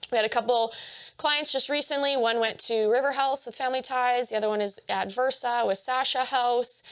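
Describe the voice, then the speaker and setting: A young woman giving a training presentation, talking fast with many fillers and restarts. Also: fairly high pitch, steady tone, clean tone.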